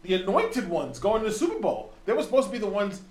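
A man with a high voice co-hosts a sports talk show, rambling through his points and restarting his sentences. He sounds like he is in an echoey room. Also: big pitch swings, quick pace. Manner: rambling, many restarts and fillers. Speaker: podcast co-host.

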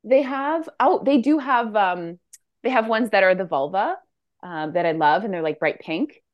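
A woman's voice: mid-range voice, expressive, normal speed, dry recording, lo-fi sound. A woman chatting casually as a podcast guest, playful and exuberant, on a slightly grainy video call. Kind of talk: casual chat.

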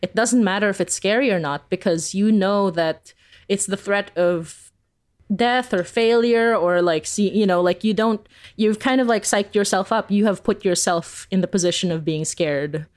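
This is a podcast creator from the Philippines being interviewed, her voice medium in pitch and her speed normal. She chats casually and giggles as she tells lively stories, using "like" all the time.

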